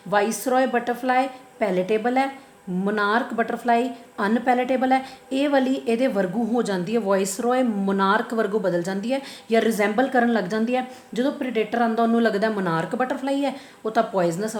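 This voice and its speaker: A woman's voice: fairly high pitch, darkish tone. A woman with a Punjabi accent giving a biology lesson in a slightly raised voice. She poses questions and answers them herself, going back over each term. The room around her is echoey. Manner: asks and answers her own questions, repeats key terms. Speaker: biology teacher. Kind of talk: online lecture.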